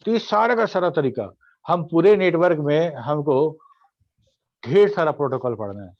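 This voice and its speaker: A male teacher lectures in an online class, explaining step by step and pausing to quiz his students. His voice sits a little high, and English definitions come out slowly with an Indian accent. The recording is dry and dull, like lo-fi audio. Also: expressive, dry recording.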